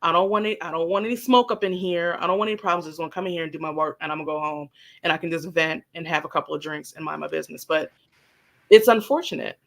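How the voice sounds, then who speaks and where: Candid, animated storytelling guest. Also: medium pitch, rapid-fire, creaky. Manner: animated, acts out quoted dialogue, swears casually.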